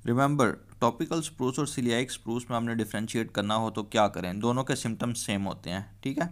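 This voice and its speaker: In a mid-range voice at a moderate pace, a man explains material for a medical exam, switching between Hindi-Urdu and English. He repeats the key terms and frequently checks on the listener with "theek hai".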